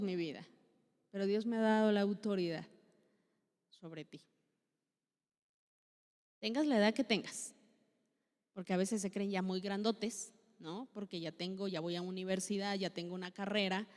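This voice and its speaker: A woman's voice: mid-range voice, darkish tone. A woman with a Mexican accent preaches to a women's meeting in a chatty, conversational way. She poses question after question in a mid-range voice. Her words ring out in a church hall with a long reverb. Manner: chatty, asks many rhetorical questions. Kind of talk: conversational sermon.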